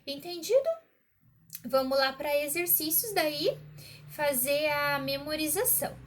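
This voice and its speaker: A high-pitched woman teacher gives a recorded remote lesson to a child. She speaks slowly and encouragingly, often checking in with the listener.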